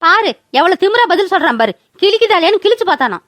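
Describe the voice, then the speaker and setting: A woman's voice: very animated, rapid-fire, fairly bright tone, no echo, clean studio sound, exaggerated voice. A woman voicing a scheming, argumentative younger sister defending herself, in a cartoon. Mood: defensive. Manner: shrill and argumentative. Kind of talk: cartoon voice acting.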